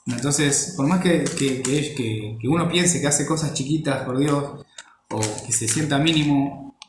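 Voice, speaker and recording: A man's voice: medium pitch, measured pace, reverberant, a little hiss or hum. A man giving an informal Bible teaching, rambling and repeating words as he searches for the next phrase.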